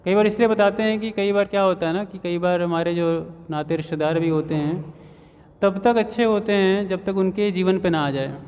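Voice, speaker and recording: A man with a high voice tells a devotional story in a sermon and keeps asking the audience rhetorical questions. His voice rings out in a long hall reverb, and the sound is a little dull and muffled. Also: steady tone, normal speed. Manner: narrates with frequent rhetorical questions. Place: temple hall.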